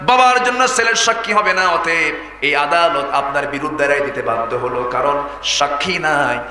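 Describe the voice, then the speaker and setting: A man's voice: fairly high pitch, normal speed, sharp tone, echoey room, in a large hall, a little hiss or hum, pitched below the performer's own voice. A man voicing a stern, upright judge of old within a sermon.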